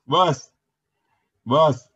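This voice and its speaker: A man's voice: a little high, extremely slow, a bit bright, slightly rough, dry recording, dull audio. A man arguing in a heated live debate over a video call. He is insistent, repeats himself and demands to be heard.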